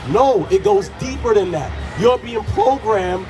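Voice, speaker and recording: A man from Jamaica preaches on a city street in a fairly high voice, lecturing and firing questions, often raising it to a shout. Music and a loud crowd carry on around him outdoors. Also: a little slow.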